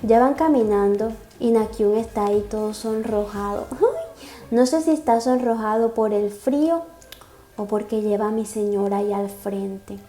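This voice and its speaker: A woman's voice: medium pitch, moderate pace, mellow. A young woman reading a comic aloud and reacting, gushing and sighing often. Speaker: webcomic reaction vlogger. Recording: echoey room. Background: faint music.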